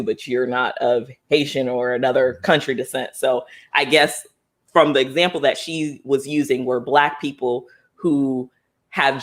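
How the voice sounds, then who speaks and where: An American man hosts a casual book club discussion in a mid-range voice. He thinks out loud, full of fillers and restarts, swinging between excitement and thoughtful pauses.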